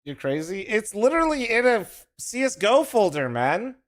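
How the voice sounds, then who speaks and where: His voice sits high and is very animated, though his pace stays moderate. While co-streaming an esports match, the young man chats with viewers in a rambling, foul-mouthed way, ribbing a friend.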